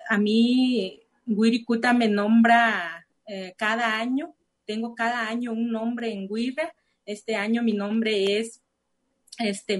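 Here a Nayarit woman whose first language is Cora (Náayeri) gives personal testimony in Spanish as an interview guest. Her pitch sits in the medium range. She speaks hesitantly, often restarting and filling pauses.

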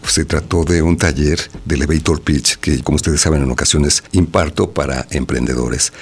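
Mexican radio host guy, super low husky voice, introducing guests.

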